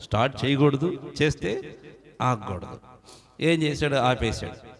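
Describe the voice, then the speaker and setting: A man's voice: medium pitch, animated, measured pace. A male pastor preaching a fervent sermon, calling out hallelujahs and firing questions at the congregation.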